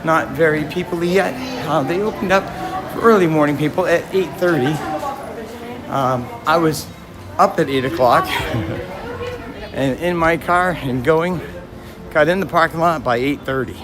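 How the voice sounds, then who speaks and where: A man with a raspy, hoarse voice chatting casually as he hosts a walking livestream outdoors. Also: a little high, measured pace, a crowd in the background. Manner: chatty, addressing viewers and passersby. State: hoarse from yelling at a concert. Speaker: live stream host. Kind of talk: casual walk-and-talk livestream. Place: outdoors in a busy theme park. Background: music, outdoor park and vehicle sounds.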